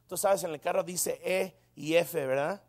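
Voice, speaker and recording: Man, pastor, high voice, animated sermon storytelling. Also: unhurried. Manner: animated storytelling with frequent exclamations.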